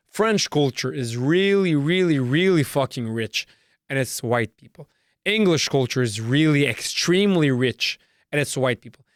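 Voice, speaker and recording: A Canadian man whose first language is Serbo-Croatian hosts a solo podcast, launching into a profane, repetitive, emphatic rant. His voice is fairly high-pitched, and the studio sound is clean with no echo.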